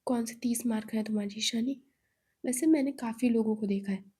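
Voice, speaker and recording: A woman's voice: on the high side, brisk, mellow, breathy edge. A woman voicing a bold, blunt young woman friend who teases and scolds in a storytelling role voice. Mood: fierce. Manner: teasing, blunt, indignant.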